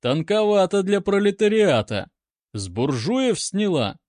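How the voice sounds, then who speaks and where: A man's voice: fairly high pitch, big pitch swings, measured pace, no room sound, clean studio sound, pitched above the performer's own voice. A man doing a sneering arrogant lieutenant. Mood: mocking, commanding. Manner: mocking, commanding.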